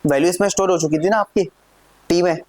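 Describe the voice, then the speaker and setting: A man teaching a live programming lesson, talking through code step by step and often asking his students whether it is clear. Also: sits high, fast talker, darkish tone, dry recording. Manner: checks in often with questions to students. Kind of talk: live classroom coding lesson.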